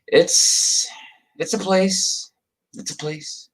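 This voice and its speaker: The man's voice sits high and holds a steady tone, with drawn-out words, and the recording quality is low. He is an American livestream host who chats casually, reading his viewers' comments aloud, speaking to them by name, and rambling with chuckles along the way.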